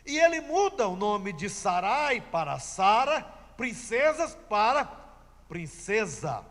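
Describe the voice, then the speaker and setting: A man's voice: high-pitched, big pitch swings, takes it slowly, a bit bright, big-room sound. A man preaching a sermon, telling a scripture story emphatically and repeating key phrases.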